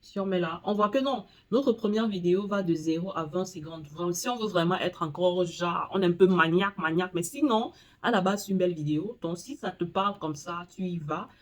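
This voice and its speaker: A woman hosting a casual screen-recording tutorial, talking straight to the viewer and reading English screen text haltingly. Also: fairly low pitch. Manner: chatty, talks straight to the viewer. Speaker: tutorial host.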